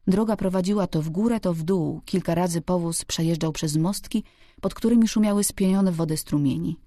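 A woman reading a novel aloud as an audiobook narrator, calm and even. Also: lowish voice, a little fast, no echo, clean studio sound. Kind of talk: scripted narration.

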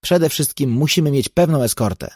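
A man reading an audiobook, voicing a calm, sensible explorer. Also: a little high, normal speed, breathy edge, no echo, studio quality, pitched above the performer's own voice. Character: calm prudent male explorer.

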